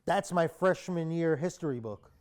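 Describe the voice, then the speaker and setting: A man's voice: a little high, lively intonation, normal speed, a little mellow, natural voice. A young man playing a cowardly, irresponsible slacker in a naturalistic comic drama, whiny and pleading as he babbles. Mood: indignant, nervous.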